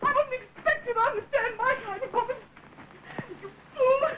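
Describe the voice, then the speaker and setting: Defiant society wife; very high, theatrical, on a hissy early talkie track. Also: female voice, normal speed. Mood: tearful fury. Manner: theatrical, emphatic stage delivery. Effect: early talkie film soundtrack. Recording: muffled, hissy early sound film.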